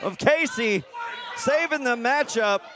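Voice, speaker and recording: A man working as a wrestling commentator, calling live play-by-play in excited shouts. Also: slow. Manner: shouted, high-energy calls. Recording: loud crowd and venue noise. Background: cheering crowd.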